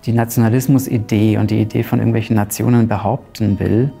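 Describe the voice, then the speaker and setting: Fairly low in pitch and delivered flatly, his voice is gravelly yet mellow. He's a Romanian playwright in his thirties speaking a Zipser German dialect, answering interview questions with hesitation and plenty of filler-laden pauses, recorded on a lapel mic in a large ornate hall.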